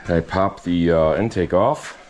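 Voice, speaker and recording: A man hosting a casual garage vlog, tired and losing his voice from a cough, talking slowly with halting restarts and fillers. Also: low voice, darkish tone, slight background noise. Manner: slow, halting, trailing off with many fillers. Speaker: home mechanic and channel host. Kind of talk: casual workshop vlog narration. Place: home garage.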